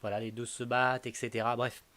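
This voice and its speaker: A man's voice: mid-range voice, level tone, fast talker, a bit bright. A young man casually reviewing the month's manga to camera, rambling with many fillers and teasing his viewers.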